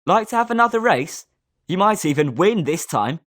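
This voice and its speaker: Here the same kind of role, a confident British schoolboy wizard played by a woman, comes through slightly low-pitched and at normal speed. The very lively melody fits the sporting, competitive video game character, and the tone is encouraging.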